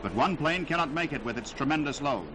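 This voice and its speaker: A man's voice from an old newsreel soundtrack, narrating wartime footage in a dramatic, declamatory 1940s style. His voice sits fairly high. A loud music score runs underneath him. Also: animated, brisk, rough recording.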